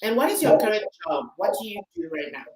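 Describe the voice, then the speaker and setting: A woman's voice: a little high, very animated, fast, gravelly, darkish tone, poor audio. A woman hosting a casual interview, asking questions in a playful, joking way. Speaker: host.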